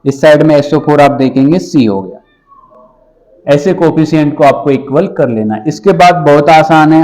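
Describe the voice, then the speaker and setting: A male teacher walking students through balancing chemical equations, calling them "brother" and checking often if it is clear. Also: a little high, dark tone. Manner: repeats checks like "ठीक है" and "clear है"; addresses students as "भाई". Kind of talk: chalkboard science lesson. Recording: dull lo-fi sound.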